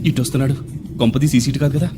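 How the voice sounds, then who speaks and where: An actor playing an exasperated traveler who answers a pestering seatmate with snappy, sarcastic replies. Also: male voice, medium pitch, fairly even intonation, racing, natural voice. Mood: annoyed. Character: exasperated city traveler stuck with a pest. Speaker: actor in a film comedy scene. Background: film background music.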